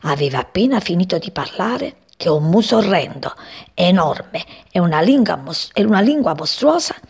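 Gravelly, husky woman reading a story aloud. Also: fairly low pitch, normal speed. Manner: expressive, voicing the characters.

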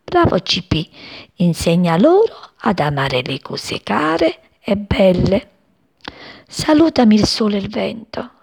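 A woman voicing a dying little female daisy who speaks faintly, sighing in a breathy voice. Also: mid-range voice, sing-song, takes it slowly, voice pushed up, full character voice. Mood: fading, loving. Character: dying small female daisy flower, gentle and frail.

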